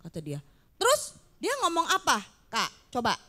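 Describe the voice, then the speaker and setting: Woman, sunday school teacher, high voice, lively, asks kids questions. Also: moderate pace. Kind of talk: children's Bible lesson.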